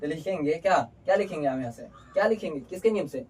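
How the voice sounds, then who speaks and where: A man's voice: a little high, expressive, fast, a little mellow. Male teacher, distant mic. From Bihar. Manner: repeats questions and answers them himself; colloquial, calls students "babu". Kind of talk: board lesson explanation. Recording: distant mic with faint background noise.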